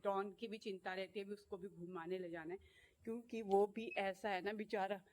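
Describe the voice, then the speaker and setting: A woman's voice: mid-range voice, steady tone, moderate pace, a little mellow, slight background noise. A woman vlogging casually to her viewers, chatty and playful, rambling from topic to topic outdoors at her home garden.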